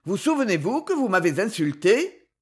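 A reader voicing a proud, fierce male knight with a raspy voice, speaking gravely and vehemently. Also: medium pitch, very animated, normal speed. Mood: stern. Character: proud adventurer knight, fierce and wounded in honor.

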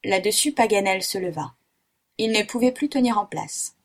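Woman audiobook narrator, husky, steady storybook reading. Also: medium pitch, normal speed. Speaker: audiobook reader.

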